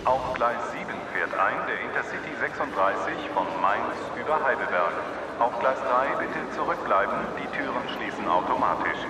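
An actor playing a male railway station announcer, heard over the station loudspeaker and announcing in a fast, formal way. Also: medium pitch, animated. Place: train station platform. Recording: echoey distant loudspeaker, loud station noise.

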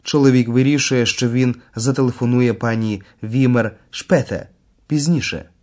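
A man narrating a scripted radio language lesson, explaining scenes clearly. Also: medium pitch, normal speed, darkish tone. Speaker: course narrator.

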